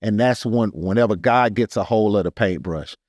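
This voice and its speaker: Speaking at a moderate pace in a lowish, slightly mellow voice, an American man shares his personal story as an artist on a podcast. His delivery is casual, earnest and emphatic, and the studio-quality audio has no echo.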